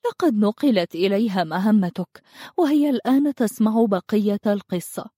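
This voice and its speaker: Told by a woman reading a storybook, a wise magical lady speaks slowly and with calm assurance. Her tone is mellow and warm, offering steady counsel. The recording is dry and close. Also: mid-range voice, no room sound, close to an everyday voice.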